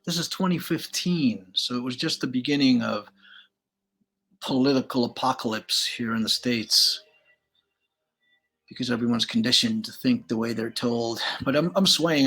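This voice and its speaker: A man's voice: medium pitch, moderate pace, fairly bright tone. An older man from Galicia, Spain, hosting a casual, rambling slideshow commentary, opinionated and laid-back. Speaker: channel host.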